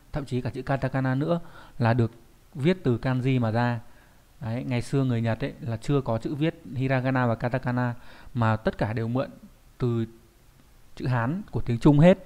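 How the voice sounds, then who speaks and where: A man's voice: mid-range voice, darkish tone, smooth. Male Japanese teacher, patient and explanatory. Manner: explains patiently, often checks with "đúng không?"; thinks aloud with "ờ" fillers. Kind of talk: online grammar lesson.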